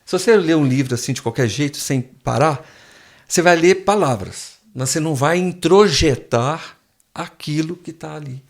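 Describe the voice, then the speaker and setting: A man's voice: fairly high pitch, normal speed, creaky. A man, a guest professor who explains things patiently with frequent restarts in a casual podcast chat in a studio.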